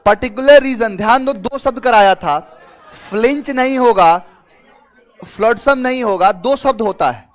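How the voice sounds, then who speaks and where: With a very high voice and a measured pace, a man teaches students English vocabulary in an online exam-prep session, explaining in Hindi sprinkled with English terms. Talkative and lively, he asks questions and uses everyday examples, with a faint crowd audible.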